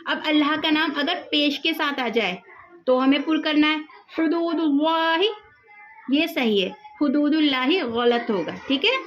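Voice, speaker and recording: Woman recitation teacher, high-pitched, patient and methodical, dull lo-fi recording. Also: lively intonation, fairly bright tone. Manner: patient, repeats examples slowly, drawn-out demonstrations. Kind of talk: tutorial on recitation rules.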